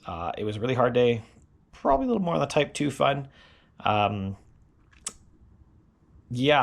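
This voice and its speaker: A middle-aged man casually recapping a hard gravel ride, sore and tired, rambling with lots of fillers. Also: fairly low pitch. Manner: rambling, filler-heavy, self-deprecating. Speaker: gravel cyclist vlogger.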